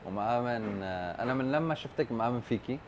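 Very fast-talking Levantine Arabic male host. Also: mid-range voice, animated, noisy background. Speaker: podcast host. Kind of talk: casual conversational interviewing.

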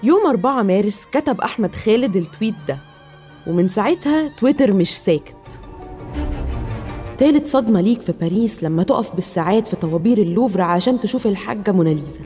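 A woman podcast host speaks with an Egyptian Arabic accent at a quick pace. Her tone is on the dark, soft side, and faint music plays behind her. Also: mid-range voice. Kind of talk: scripted podcast introduction and interview.

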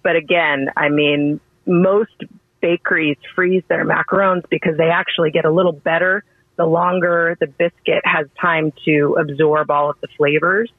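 A woman's voice: low-pitched, little pitch movement, normal speed, no room sound. A woman being interviewed as a bakery owner on the radio, chatty and informative. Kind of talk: casual interview. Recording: band-limited phone-like radio line.

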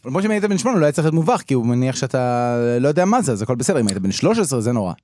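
A man's voice: medium pitch, very animated, darkish tone, no room sound, clean studio sound. A man in his thirties from Israel, with an Israeli accent, co-hosting a casual chat in a wry manner. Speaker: podcast co-host.

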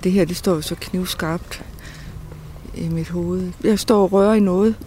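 A man recounting a painful memory in a halting way, often repeating words and restarting sentences. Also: high voice, steady tone, warm tone, a little hiss or hum. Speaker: interviewee. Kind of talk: personal testimony.

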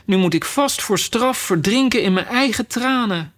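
A man with a gravelly voice, voicing a curious, polite young girl who chatters eagerly and apologizes often. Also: sits high, a little slow, pitched above the performer's own voice. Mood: worried.

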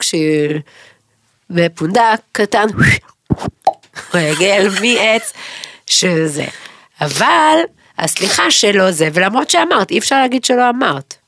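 A middle-aged woman co-hosting a podcast in casual chat, rambling, emotional and quick to joke. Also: mid-range voice, fairly bright tone, no echo, clean studio sound. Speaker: podcast co-host.

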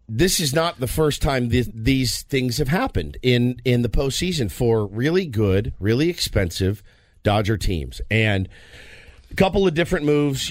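A man's voice: mid-range voice, no echo. American man in dry, casual sports talk. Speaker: sports radio co-host. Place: radio studio.

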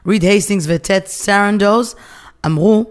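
A woman with an Israeli accent co-hosting a casual discussion, often pausing to search for her words. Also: medium pitch. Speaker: podcast co-host.

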